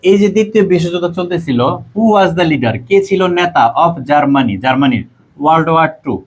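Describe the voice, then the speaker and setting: Bangladeshi tutor guy, slightly high voice, keeps repeating the quiz questions and options. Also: lively intonation, fairly quick, husky. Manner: repeats questions and options, reads out students' answers. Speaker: admission test tutor. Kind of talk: online quiz lesson.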